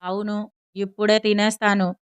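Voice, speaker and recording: A woman voicing a hungry, impatient dog in a storybook, gruff and barking, a little lower than her narration. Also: little pitch movement, moderate pace, lightly acted.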